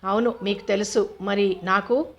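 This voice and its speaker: A woman reading the lines of a gentle young village wife, speaking softly and with light teasing. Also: medium pitch, fairly even intonation, a little slow, dull audio, close to an everyday voice.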